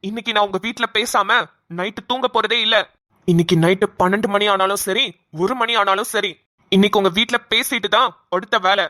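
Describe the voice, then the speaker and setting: A woman's voice: medium pitch, steady tone, pushed and bright, no room sound, clean studio sound, close to an everyday voice. A woman voicing a young male doctor in a cartoon, pushy and demanding as he presses his girlfriend for an answer. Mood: exasperated. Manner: pushy, demanding, rapid questioning. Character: young man, insistent doctor pressing for marriage. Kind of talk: cartoon voice acting.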